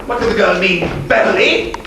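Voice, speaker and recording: A man's voice: high voice, animated, a little fast. A man playing a blustering, hot-tempered old baronet. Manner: bellowing, impatient, theatrical stage delivery. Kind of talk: stage play performance. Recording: echoey hall, far from mic, noisy.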